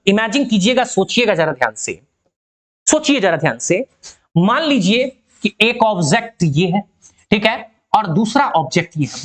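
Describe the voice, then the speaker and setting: A woman teaching physics in an online lesson. She asks the class rhetorical questions, keeps checking that they follow, and calls them by fond names. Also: mid-range voice. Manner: addresses students affectionately.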